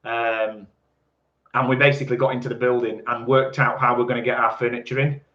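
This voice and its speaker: A man in his forties co-hosts a live stream, teasing his partner in casual banter and reading out viewer comments. He speaks in a level, mid-range voice at a slightly fast pace. The live stream sound is echoey and a little dull.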